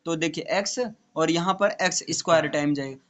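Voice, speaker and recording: A man's voice: fairly high pitch, fairly quick, fairly bright tone. A male tutor teaching maths to a student, explaining step by step and checking in often. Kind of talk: classroom maths lesson.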